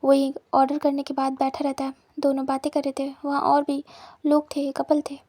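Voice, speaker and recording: High-voiced monotone woman storyteller. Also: moderate pace. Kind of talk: fanfiction story narration.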